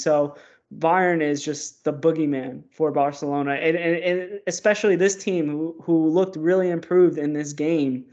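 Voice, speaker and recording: Opinionated man breaking down football. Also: on the high side. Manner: opinionated, animated, piling up stats. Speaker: podcast co-host. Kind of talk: casual football analysis. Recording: dull lo-fi audio.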